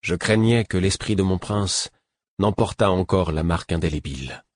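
Low husky guy reading an audiobook, steady and even, dry close mic. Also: normal speed, no room sound. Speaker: audiobook narrator. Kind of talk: scripted narration.

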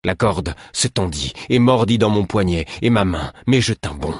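A man reading a novel aloud in first person with a steady, measured delivery. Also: sits low, slightly rough, no room sound, studio quality. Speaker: audiobook narrator. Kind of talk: scripted narration.

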